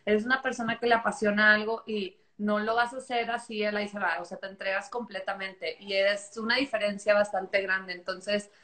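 A woman's voice: medium pitch, steady tone, brisk, few pauses, a bit bright. A woman with a Mexican accent, hosting a casual video chat and asking encouraging questions. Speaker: host, interviewer. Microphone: video call.

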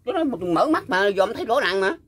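An older man, recalling a story in casual talk and pausing often with fillers and repeated words. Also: high-pitched, big pitch swings, a bit bright, breathy edge. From Mekong Delta, Vietnam. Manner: halting, full of fillers and repeats. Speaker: guest storyteller. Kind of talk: casual spoken recollection.

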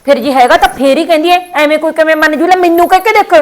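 A Punjabi-accented woman in a scripted family quarrel sketch, scolding and nagging. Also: high-pitched. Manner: scolding, nagging, rapid-fire.

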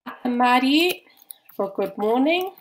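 A woman's voice: high-pitched, animated, unhurried. Woman teaching with a New Zealand accent. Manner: patient, explaining step by step. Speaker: language teacher. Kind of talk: recorded course lesson.

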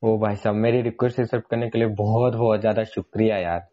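A man's voice: fairly low pitch, level tone, fast talker, warm tone, muffled recording, a little hiss or hum. A man hosting a gaming channel, chatting casually and pleading persistently over in-game voice chat.

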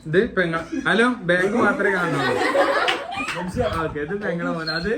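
A man's voice: high-pitched, moderate pace. A young man with a Malappuram Malayalam accent, vlogging in casual chat from inside a moving car and teasing with lots of questions. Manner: chatty, teasing, keeps prodding with questions. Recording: loud car road noise.

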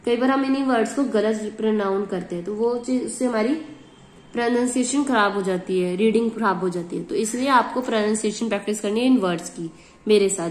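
A woman with an Indian accent teaching an English lesson to schoolchildren, spelling words out letter by letter and dictating sentences slowly. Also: mid-range voice, echoey room. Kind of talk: classroom lesson explanation.

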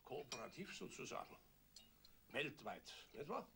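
An actor playing a polite, ingratiating rich baron in a 1980s TV drama. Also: male voice, mid-range voice, sing-song, unhurried, vocal fry, slight background noise. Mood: smooth. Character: smooth, condescending rich baron.

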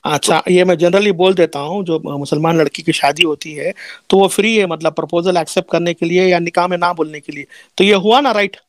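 A man's voice: high voice, fairly quick, dry recording, studio quality. A man in a heated online debate who hesitates and stammers, often repeating filler phrases. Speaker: debater defending Islam.

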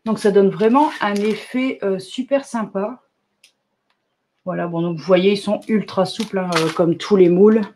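A woman's voice: mid-range voice, dark tone, a little hiss or hum. Chatty woman demonstrating products live. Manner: chatty, enthusiastic, fills pauses with "hop" and "euh". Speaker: shop owner presenting new products.

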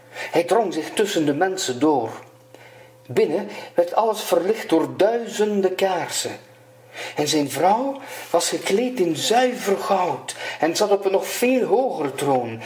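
Senior male storyteller, slightly high voice, roomy echo. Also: a little mellow. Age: older. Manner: slow, measured storytelling. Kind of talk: reading a fairy tale aloud.

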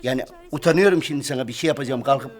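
A man's voice: mid-range voice, very fast, noisy background, natural voice. An actor playing Erman, an exasperated middle-aged husband who pleads and grumbles at his wife, in a sitcom. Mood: pleading. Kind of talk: sitcom acting. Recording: audience laughter behind. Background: studio audience laughing.

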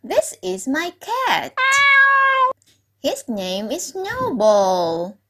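A woman's voice: mid-range voice, huge pitch swings, very slow, slightly rough. A woman teacher telling a story to young children, asking the class questions, repeating key words and praising their answers. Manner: praising, encouraging.

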